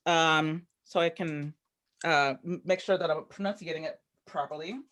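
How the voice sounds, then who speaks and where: A woman's voice: low voice, steady tone, moderate pace, a bit bright. A woman hosting a workshop on a video call, upbeat, welcoming and chatty. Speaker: workshop host.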